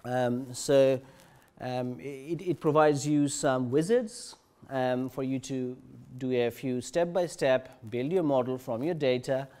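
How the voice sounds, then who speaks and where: A man giving a technical conference talk, halting, with many fillers and restarts. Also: medium pitch, warm tone. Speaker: conference presenter. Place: conference session room.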